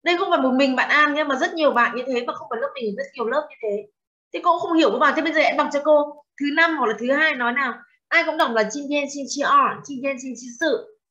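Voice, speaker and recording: A woman's voice: high-pitched, quick pace, sharp tone. A woman teaching a translation class, questioning students and explaining terms with foreign words mixed in. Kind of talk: classroom lecture. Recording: dull lo-fi sound.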